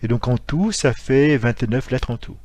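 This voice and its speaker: A man teaching a lesson, explaining with frequent pauses and self-corrections. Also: medium pitch, a little mellow, no echo. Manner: hesitant, many fillers and self-corrections; explanatory, spells out letters and sounds. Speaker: martial arts instructor.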